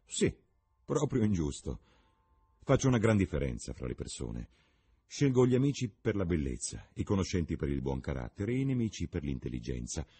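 Guy doing an ironic young lord from an old novel, low voice, lots of swing in it. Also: very animated, moderate pace, mellow, breathy edge, full character voice. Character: witty cynical young English lord.

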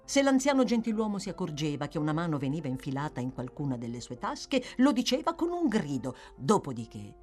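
A woman narrating a classic novel in a lively, theatrical reading style. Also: deep voice, brisk, few pauses, faint music behind. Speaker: audiobook narrator. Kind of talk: expressive literary reading.

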